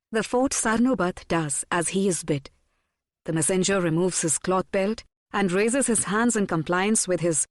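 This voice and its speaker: A woman narrating a historical audiobook in a measured, dramatic storytelling manner on a close studio mic. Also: fairly low pitch, no room sound. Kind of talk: scripted narration.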